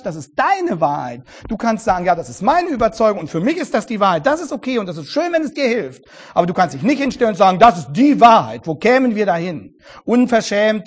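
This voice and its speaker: A man preaching a sermon in an earnest, emphatic way, often repeating words for stress and shifting between quiet and loud. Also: high voice.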